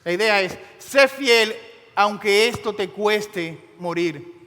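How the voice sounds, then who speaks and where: A man preaching a sermon, telling a story with dramatic, emphatic pauses. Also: high voice, steady tone, bright, forceful tone, big-room sound. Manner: impassioned, dramatic storytelling with slow emphatic phrases.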